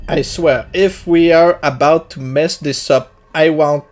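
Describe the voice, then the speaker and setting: A woman's voice: low voice, fairly even intonation, a little slow, darkish tone, soft background music. Exasperated woman streaming a card game. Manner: exasperated, talks back at the game. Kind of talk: live gameplay commentary.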